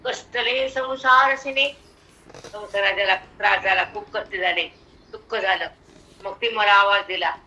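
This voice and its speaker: An older woman with a Marathi accent giving a devotional discourse on scripture, slowly chanting verses and then explaining them in lively spoken asides. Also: medium pitch, highs cut off, a little hiss or hum. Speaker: spiritual teacher expounding scripture.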